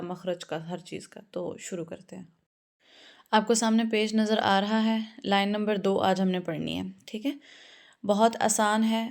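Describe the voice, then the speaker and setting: A woman teaching a recitation lesson who explains calmly, checks in often with a questioning "okay?", and talks. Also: medium pitch. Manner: patient, drills letters slowly and repeats them.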